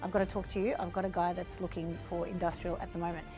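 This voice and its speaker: A woman's voice: lowish voice, little pitch movement, fast, over music. A woman with an Australian accent, a real estate agent, earnestly telling an audience a sales story. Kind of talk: speaking to an audience.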